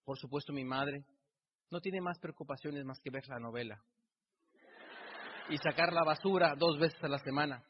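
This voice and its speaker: A man's voice: fairly high pitch, normal speed, long pauses, a little hiss or hum. A middle-aged man gives an emotional motivational speech, building up through repeated phrases. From Mexico. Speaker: motivational speaker. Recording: dull sound in a reverberant hall.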